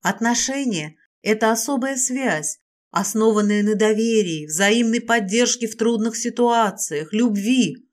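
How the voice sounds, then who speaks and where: A woman's voice: a little high, a little slow. A woman reading a novel aloud in the first person, with emotional, intimate storytelling. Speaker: audiobook narrator.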